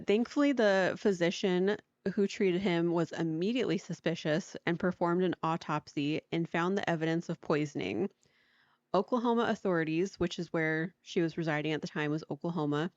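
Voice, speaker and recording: Chatty woman podcast host, slightly low voice. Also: moderate pace, dry recording. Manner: chatty, lots of "like", laughs often. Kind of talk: casual storytelling chat. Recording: dry, dull lo-fi sound.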